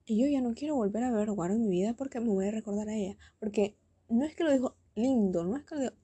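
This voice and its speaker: A woman's voice: fairly high pitch, mellow, breathy edge, no room sound. Sarcastic young woman, rambling. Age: young adult. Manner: sarcastic, rambling, quick asides. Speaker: podcast host. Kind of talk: casual solo podcast rant.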